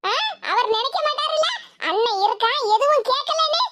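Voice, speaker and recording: A voice actor playing a fierce, doting mother who scolds her son, speaking with a Tirunelveli Tamil accent in an animated comedy. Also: very high-pitched, normal speed. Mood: scolding. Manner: scolding, fussing. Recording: loud background noise.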